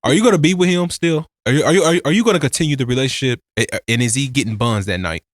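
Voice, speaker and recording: A man's voice: medium pitch, very fast, dry recording, clean studio sound. A man co-hosting a podcast, teasing the guest and laughing in casual chat. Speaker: podcast co-host.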